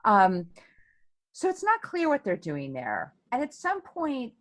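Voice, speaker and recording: A woman historian answering interview questions, retelling events in a lively way with frequent "um" and "right?" tags. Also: fairly high pitch, takes it slowly, dry recording. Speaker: historian and author.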